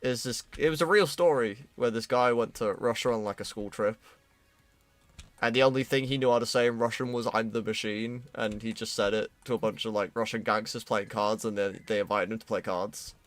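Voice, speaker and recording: A British man streaming his 3D modelling work, chatting casually with a friend in a relaxed, self-deprecating way and cracking dry jokes. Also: on the low side, a little fast, no room sound. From United Kingdom. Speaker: streamer, 3D artist. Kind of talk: casual chat while working.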